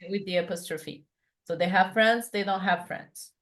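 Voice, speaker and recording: A woman tutors a single student over a video call. She explains patiently, pausing often with fillers and restarting her sentences. Her voice sits at an everyday middle pitch. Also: a bit bright. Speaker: French tutor. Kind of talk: online one-to-one lesson.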